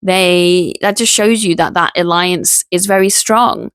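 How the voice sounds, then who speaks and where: Indignant woman with a gravelly voice. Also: fairly low pitch, a little slow, no echo, studio quality. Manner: spells out sensitive words letter by letter; animated, indignant, laughs in disbelief. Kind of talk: casual spoken vlog monologue.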